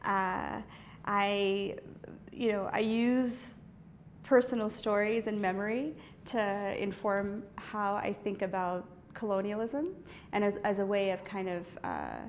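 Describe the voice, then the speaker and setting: Her medium-pitched voice stays fairly even and slow, with slight background noise. She is a US East Coast artist giving a casual, thoughtful interview in an indoor studio, full of fillers, restarts and soft laughter.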